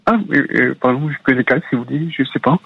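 A man calling in to a radio show, hesitant and quick, sounding distant on a tinny phone line as if on speakerphone. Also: mid-range voice, steady tone, creaky, husky. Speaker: radio caller. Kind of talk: call-in radio chat.

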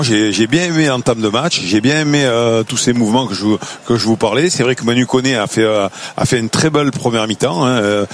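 A man giving live football analysis on radio, animated and full of fillers and restarts. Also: medium pitch, a little hiss or hum. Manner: animated, many fillers and restarts, enthusiastic about the game. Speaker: football consultant.

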